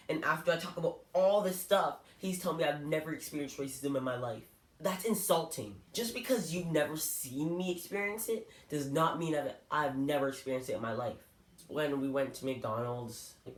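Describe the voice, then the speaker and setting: Earnest young man in an echoey room. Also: fairly high pitch. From Canada. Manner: earnest, hurt, candid. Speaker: vlogger. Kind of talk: personal storytelling to camera.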